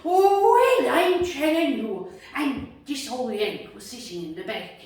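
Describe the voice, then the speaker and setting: An Irish woman telling a comic tale live in a colloquial, animated way, acting out the dialogue. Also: on the high side, a little slow. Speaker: storyteller. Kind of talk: live comic folk storytelling. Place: indoor cottage gathering. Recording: very echoey room, distant microphone.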